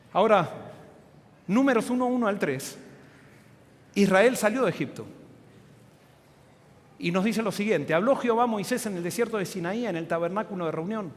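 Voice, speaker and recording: High-voiced pastor in an echoing hall. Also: male voice. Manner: animated storyteller, acts out voices, asks and answers his own questions. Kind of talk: sermon, storytelling Bible narration. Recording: long hall reverb.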